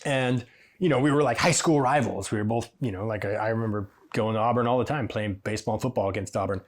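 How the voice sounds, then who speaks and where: A man's voice: fairly low pitch, fast. A man from Washington State, a hairdresser and podcast host, telling stories in a rambling, chatty way, livening up when he quotes people. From Washington State, USA. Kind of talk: casual storytelling monologue.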